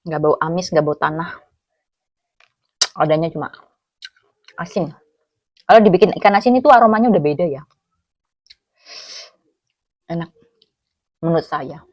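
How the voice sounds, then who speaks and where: A woman with a low voice and a Javanese accent from Cilacap chats casually through mouthfuls of food. She hums between phrases as she eats, and the sound is close and dry. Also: a little fast, pauses often, no echo. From Cilacap, Central Java, Indonesia. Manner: talks with mouth full while eating, with savouring hums. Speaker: food vlogger. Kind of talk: casual eating chat, mukbang.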